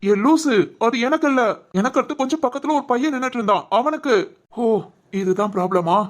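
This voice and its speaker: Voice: sits high, brisk, lightly acted. A voice actor playing a young man in a cartoon who is exasperated, teasing and talks to himself. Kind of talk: Tamil cartoon voice acting.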